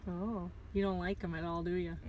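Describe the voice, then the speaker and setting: A woman's voice: on the low side, little pitch movement, fairly quick, a little mellow, low-quality recording. A woman asking casual questions as she films a companion inside a car. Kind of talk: casual chat. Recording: car noise, phone video.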